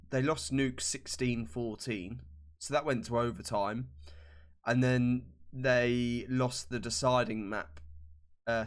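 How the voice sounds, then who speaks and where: A man co-hosting a gaming podcast in casual, joking chat, swearing freely and mocking others in put-on voices. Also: mid-range voice. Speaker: podcast co-host.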